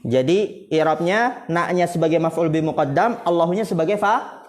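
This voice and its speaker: A man's voice: on the high side, normal speed. A man with an Indonesian accent teaching an Arabic grammar class, quizzing his students and laughing often. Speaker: Islamic boarding school teacher.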